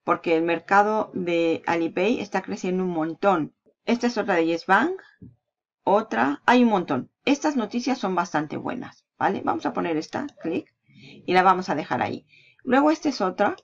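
A woman with a gravelly, creaky edge to her voice guides viewers through a screen-recorded marketing tutorial. She talks casually, pointing things out as she scrolls and waving off details. The audio is dull and lo-fi. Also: mid-range voice, animated, moderate pace. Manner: casual, walks through search results, trails off with "bla, bla".

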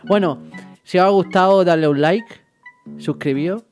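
A man with a Spain Spanish accent giving let's-play gameplay commentary, excitable and swearing freely, swinging from low muttering to yelled outbursts. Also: normal speed, soft background music. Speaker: gaming YouTuber.

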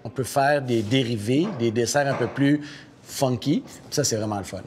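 A man's voice: mid-range voice, moderate pace, very noisy. Chatty man, coffee roaster. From Italian descent. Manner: relaxed, chatty. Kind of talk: casual interview.

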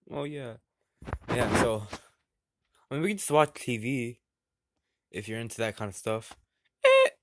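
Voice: medium pitch, natural voice. A performer voicing a dim-witted, laid-back male chef puppet in a plush comedy sketch, mumbling and trailing off hesitantly.

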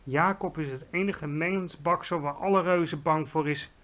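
A big, gentle old giant, voiced by a man reading a storybook aloud, speaks in a hushed whisper with charmingly broken grammar. His voice sits fairly high and soft. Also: steady tone, moderate pace, close to an everyday voice.

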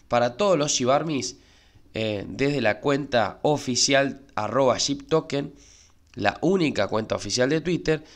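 A man's voice: mid-range voice, a little slow. A man with an Argentine Spanish accent who runs a crypto channel on YouTube and talks to viewers casually, with lots of "eh" and "¿sí?". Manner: chatty, repeats filler "eh" and asks "¿sí?". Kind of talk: casual spoken market commentary.

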